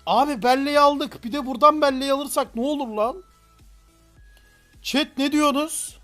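A man streaming a game live, commenting excitedly in slangy, playful talk and breaking into shouts and laughter. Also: very high voice, moderate pace, faint music behind.

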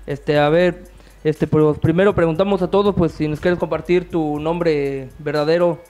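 A man's voice: fairly high pitch, fairly even intonation, moderate pace, warm tone. A young man hosting a casual interview in a small music studio. He asks questions with many hesitant fillers, speaking into a handheld mic. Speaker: interview host.

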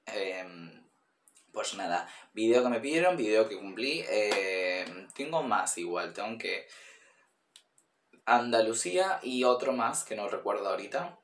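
A man's voice: fairly low pitch, lively intonation, a little slow, echoey room, slight background noise. A man with an Argentine accent giving casual reaction commentary, rambling with many fillers and speaking straight to his viewers. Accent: Argentine Spanish. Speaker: YouTube reaction host.

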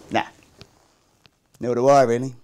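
A man's voice: medium pitch, a little mellow. An actor in his thirties playing a chatty, musing Cockney gangster in a dramatic monologue, wry and conversational. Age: 30s. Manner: conversational, musing, swinging between muttering and exclaiming.

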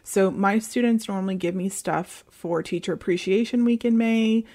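A warm, mid-range voice at normal speed comes from an American woman in her thirties vlogging as she cleans her kitchen. Her chat is casual and rambling, packed with ums and likes. The recording starts on a phone at arm's length and moves to a distant camera.

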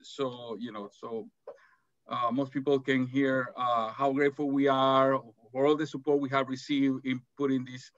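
A man's voice: mid-range voice, flat delivery, normal speed, fairly bright tone, no echo. A middle-aged man from El Salvador moderating and presenting in an academic webinar, speaking hesitantly with many fillers and restarts, from an office over a video call. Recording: dull, dry video call audio.

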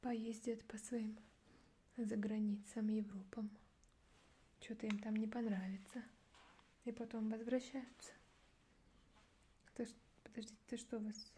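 A young woman in a barely audible whispered role-play as a gruff, disdainful border guard, muttering sardonically. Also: on the high side, little pitch movement, unhurried, pauses often, slight background noise. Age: young adult. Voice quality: soft whisper, mostly unvoiced, barely audible. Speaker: ASMR performer playing a border officer. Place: small dark indoor studio setup.

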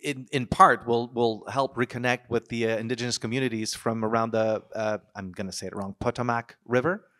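Male moderator, somewhat low voice, hesitant and polite. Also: fairly even intonation, fairly quick, hardly any pauses, a bit bright. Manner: hesitant, polite, many "uh" fillers. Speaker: panel moderator.

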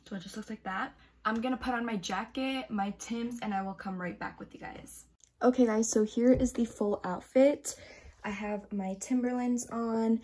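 A woman's voice: medium pitch, a little mellow, slightly rough. A teenage girl talking casually to her viewers in a day-in-my-life vlog, chatty and full of fillers, recorded in her bedroom on a camera in front of her. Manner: chatty, filler-heavy, addresses viewers directly. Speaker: vlogger. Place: bedroom at home, indoors.

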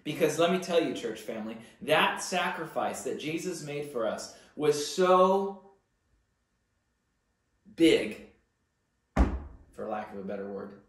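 A man's voice: on the high side, expressive, takes it slowly, pauses often. Earnest preaching man, very echoey room. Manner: earnest preaching, rising emphasis on key words. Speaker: pastor. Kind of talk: sermon. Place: church library room with bookshelves, indoors.

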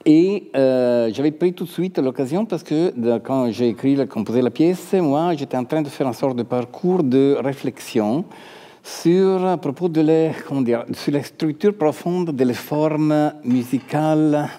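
A man in his sixties with an Italian accent, a composer talking unscripted in halting non-native French, repeating words as he searches. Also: a little high, dark tone. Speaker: composer, interview guest. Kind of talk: unscripted talk about own work. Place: large dark concert hall stage, indoors. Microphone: headset. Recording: long hall reverb of a stage.

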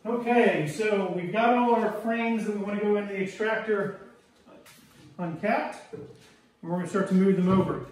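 Middle-aged guy showing how he works with honey, chill and explaining as he goes, super echoey room, kinda far from the mic. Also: high voice. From Maryland, US. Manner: relaxed, explanatory, pauses while working. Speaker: beekeeper demonstrating honey harvest. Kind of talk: hands-on how-to demonstration. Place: indoor workroom, hard surfaces. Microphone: camera mic from a few feet away.

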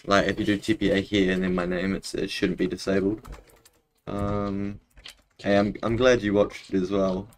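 Low-voiced man with a broad Kiwi accent. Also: level tone, moderate pace, slight background noise. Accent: New Zealand. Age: young adult. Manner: laid-back, slangy. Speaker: game streamer. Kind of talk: casual chat while live-streaming a game. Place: small indoor room at home.

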